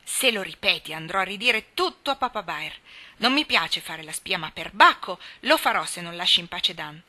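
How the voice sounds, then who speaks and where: A woman reading the part of a loyal, gentle boy who pleads earnestly. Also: on the high side, moderate pace. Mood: ardent. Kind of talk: audiobook character reading.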